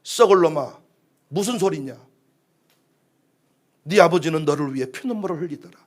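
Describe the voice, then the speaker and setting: A male preacher voicing a blunt, gruff mother who scolds her son. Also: on the high side, lively intonation, normal speed, pitched below the performer's own voice. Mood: scolding.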